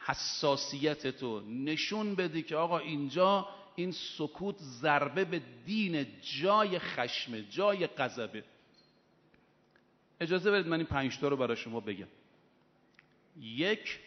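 Emphatic male preacher in a reverberant hall. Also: a little high. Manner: emphatic, animated storytelling. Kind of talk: sermon. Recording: muffled, with long hall reverb.

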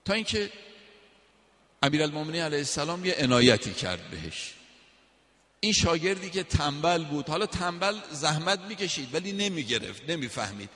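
A man's voice: on the high side, expressive, bright, forceful tone, big-room sound. A man from Iran giving a sermon, telling stories in a conversational way and quoting verses. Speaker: preacher.

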